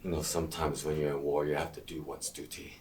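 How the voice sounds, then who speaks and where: A man acting a sadistic, taunting British army colonel in a scene study, shouting some lines and murmuring others, heard from across the room. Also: steady tone, brisk, far from the mic, slight background noise. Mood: cold. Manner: shouted taunts, then low menacing murmur. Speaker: acting student. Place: acting class studio.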